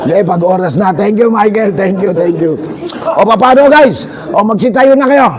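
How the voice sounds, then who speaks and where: A man giving an energetic, joking seminar talk to overseas workers, calling out to listeners and leading shouted chants. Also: high voice, moderate pace, a crowd in the background.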